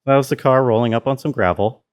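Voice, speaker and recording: A man speaks at medium pitch and a quick pace over background noise, giving a casual tutorial walkthrough as a sound designer. He thinks aloud as he explains.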